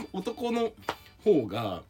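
A man co-hosting a casual chat podcast, telling stories in an animated way and laughing often. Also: sits high, drawn-out words. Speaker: podcast co-host.

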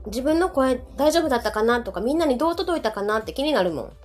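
A middle-aged woman with a Kansai accent co-hosts a live podcast, chatting informally and chattily over background music. Her voice is high, with lively intonation and a quick pace.

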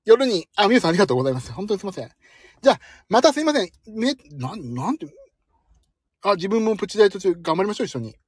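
A man hosts a casual live stream from his parked car, joking at his own expense and reading out listener comments. His voice sits high with big pitch swings, comes out rapid-fire and slightly rough, and there is no room sound.

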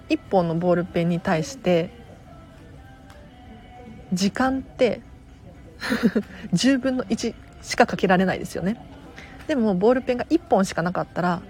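A woman of middle pitch talks over soft music in the background, chatting alone on her audio stream as a tidying consultant. Her delivery is friendly and loose, full of little fillers and self-corrections. She warmly thanks listeners by name as she answers their comments.

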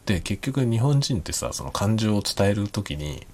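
A man talking quietly and rambling in a late-night solo chat, with soft chuckles and self-deprecating remarks. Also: on the low side, sing-song, moderate pace. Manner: speaks quietly while drinking. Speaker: podcast host.

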